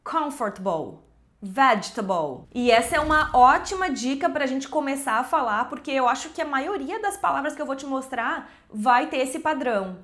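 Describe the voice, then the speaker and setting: A woman teaching English pronunciation, explaining patiently and repeating example words slowly. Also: sits high, lively intonation, a bit bright. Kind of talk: pronunciation lesson to camera.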